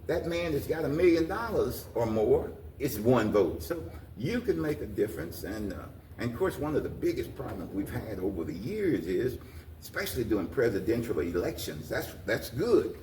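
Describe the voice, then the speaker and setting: Very animated and darkish in tone, an older American man's medium-pitched voice moves at a moderate pace through his interview answers. As president of a community organization, he urges people on in plain, folksy words that repeat. He sounds roomy and far from the mic, with faint noise in the background.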